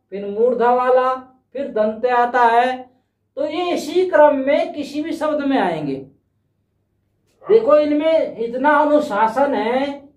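A male teacher giving a patient classroom-style grammar lesson. He repeats his points, checks in after each step, and sounds out examples slowly. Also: extremely high pitch. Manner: demonstrates sounds aloud slowly. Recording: echoey room, mic set at a distance.

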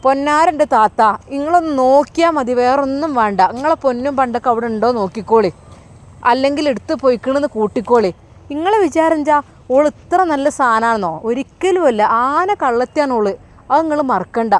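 A woman voicing a spiteful, gossiping village woman, speaking Malappuram Malayalam quickly and with insinuation. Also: high-pitched, expressive.

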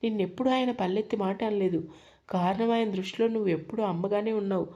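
A woman's voice: medium pitch, fast, dark tone, highs cut off, lightly acted. A woman voicing a furious young wife in a storybook reading, menacing and cold as she threatens her in-laws.

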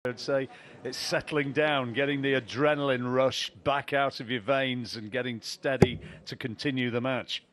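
A man's voice: mid-range voice, fairly even intonation, moderate pace, fairly bright tone. A man giving live darts commentary with some light banter as a sports commentator.

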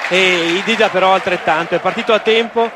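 Italian male co-commentator, explaining the play in a very high-pitched voice over noisy stadium crowd. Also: a little fast. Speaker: football co-commentator and analyst. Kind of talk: live tactical match analysis. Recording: loud stadium crowd noise behind. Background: football stadium crowd.

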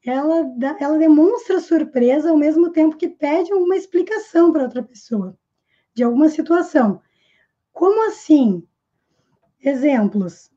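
In this language lesson, a woman with a Brazilian Portuguese accent uses a high, mellow, expressive voice. She repeats every English phrase slowly and carefully before giving its translation, on a slightly dull-sounding recording.

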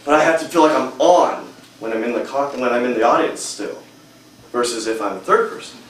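A young adult man with a mid-range voice talks a little fast as he delivers a humorous prepared speech with forceful emphasis at a public speaking club. The far camera records an echoey hotel meeting room with slight background noise.

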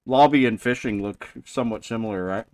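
A man's voice: fairly low pitch, brisk, darkish tone, no echo. Give me a joking male streamer helping players, recorded dry and close. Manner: joking, coaching other players. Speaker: streamer hosting a game stream. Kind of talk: casual gaming chat.

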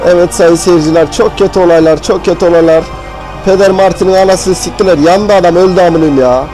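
Young male gamer, high voice, profane mock-anchor delivery, easily rattled. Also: a little fast, faint music behind, rough recording. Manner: excitable, swearing, mock newscaster tone. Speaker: gaming video host. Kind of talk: profane horror game commentary.

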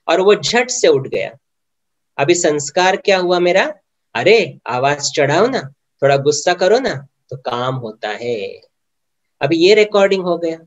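High-voiced man teaching, questioning listeners. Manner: asks the audience many questions; mixes English words into Hindi. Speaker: meditation teacher. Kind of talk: spiritual lecture.

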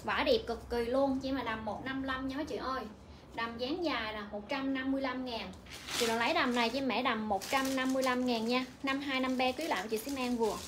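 Livestreaming from her shop, a young Vietnamese-accented seller calls out clothing prices again and again in a brisk, repetitive pitch, keeping a steady tone in her high, bright voice. Shop sounds are clearly heard behind her.

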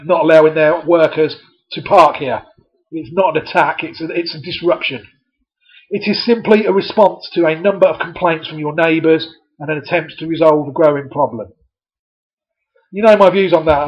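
A man presenting for a community media channel, reading a letter aloud and breaking in with sarcastic, scoffing asides. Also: a little high. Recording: dull lo-fi recording.

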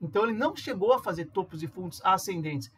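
A man with a Brazilian Portuguese accent gives a casual, chatty tutorial on reading charts as an amateur trader. He checks in with listeners using quick tags and acts out their questions. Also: high-pitched, lively intonation, fairly bright tone, husky. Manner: acts out viewers' questions in a livelier voice. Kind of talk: casual screen-recorded tutorial.

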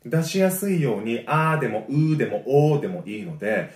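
A man teaching a voice lesson. He gives friendly, encouraging explanations and breaks them up with sustained low sung vowels. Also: lively intonation, fairly quick. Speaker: voice trainer. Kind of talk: vocal lesson. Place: home. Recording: roomy echo.

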